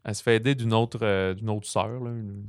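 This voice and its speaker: Low, smooth-voiced Quebecois man. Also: a little fast, no room sound, studio quality. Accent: Quebec French. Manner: animated, digressive storytelling. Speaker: film review co-host. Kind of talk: casual film review chat.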